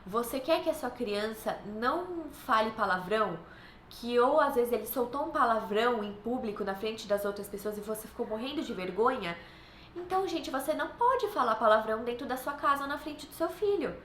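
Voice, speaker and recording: A woman's voice: fairly high pitch, animated, moderate pace, a bit bright. A woman in her thirties with a Brazilian Portuguese accent, giving earnest, reassuring parenting advice to other mothers. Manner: earnest, reassuring, acts out playful voices for her kids. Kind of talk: casual advice vlog. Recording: echoey room, faint background noise.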